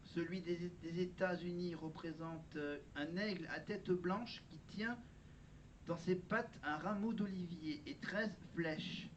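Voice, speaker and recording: A man's voice: high-pitched, steady tone, takes it slowly. A man talking casually in a vlog, sharing trivia and often correcting himself as he goes. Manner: chatty, self-correcting, presents trivia. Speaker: vlogger. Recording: dull lo-fi sound with faint background noise.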